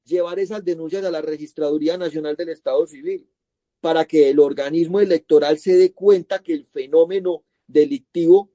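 Dark-voiced man lecturing. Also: on the high side, steady tone, a little fast, no echo. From Colombia. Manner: lecturing, poses rhetorical questions, tags points with "¿cierto?". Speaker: guest analyst on electoral crime. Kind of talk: explanatory interview answer.

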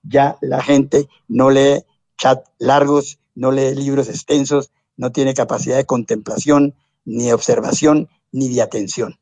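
Older Colombian man, mellow and dry. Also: mid-range voice, level tone, measured pace, no room sound. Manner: discursive, tag questions and exclamations, self-corrects. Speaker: lawyer and science popularizer, interview guest. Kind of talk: rambling anecdotal interview talk.

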